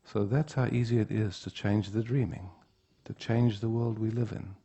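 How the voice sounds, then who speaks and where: At a retreat, a man gives an unhurried spiritual teaching talk, often pausing to check in with the room. His voice is low and gravelly with a dark, husky quality and a steady tone.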